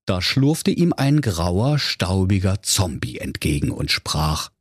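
Brief: male storyteller, comic fairy tale for kids, lively and varied pitch, dry close sound. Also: takes it slowly, breathy edge, dry recording. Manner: playful, animated storytelling.

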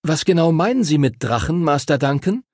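A shy, hesitant boy who stumbles over his words, voiced by a male reader. The pitch sits well above the narrator's own, with a faint husky rasp. He is a figure in a children's storybook audiobook. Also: big pitch swings, fairly quick, darkish tone, no echo, clean studio sound. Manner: hesitant, stuttering. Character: timid, stammering schoolboy. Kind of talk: audiobook character voice.

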